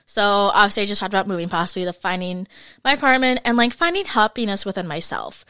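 Podcast host, woman, mid-20s, chatty and candid, clear smooth tone, dry close mic. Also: mid-range voice, animated, fast talker, pushed and bright, dry recording. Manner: chatty, frank, fillers like "like" and "you guys". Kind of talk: casual solo podcast monologue.

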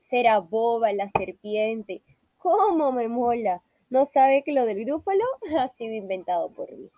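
A woman voicing a small, clever, boastful mouse who speaks slowly with a sly, playful manner. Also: on the high side, animated, mellow, no echo.

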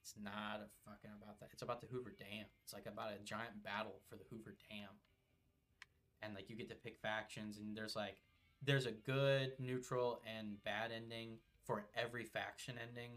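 A young man co-hosting a podcast, his voice sitting a bit low. He chats while playing a game and rambles loosely, full of filler words and offhand swearing. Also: flat delivery, moderate pace, a bit bright. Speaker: podcast co-host. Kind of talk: casual chat while playing a video game.

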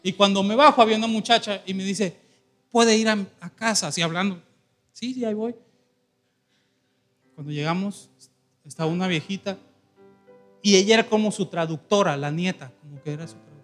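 A man's voice: high voice, a little fast, long pauses, faint music behind. A man pastor, telling a story in a sermon and acting out the voices in it, laughing as he goes. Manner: animated, acts out quoted voices, laughs while telling.

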